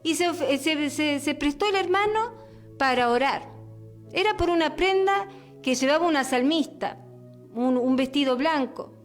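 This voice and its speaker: High-voiced woman preaching on radio. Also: animated, a little slow, soft background music. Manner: earnest, repeats words and restarts, prayer full of "Padre" and "Señor". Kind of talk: radio sermon and prayer.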